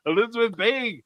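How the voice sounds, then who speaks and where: A man's voice: very high-pitched, no echo, muffled recording. A man co-hosting a casual live-stream discussion, joking and reading viewer messages aloud. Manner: jokey, animated, reads viewer messages aloud. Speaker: co-host of a reality TV discussion stream.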